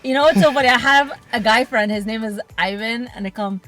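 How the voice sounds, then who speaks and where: A woman co-hosting a casual mukbang chat, playful and quick to giggle. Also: a little high, a bit bright, faint music behind. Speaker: mukbang co-host.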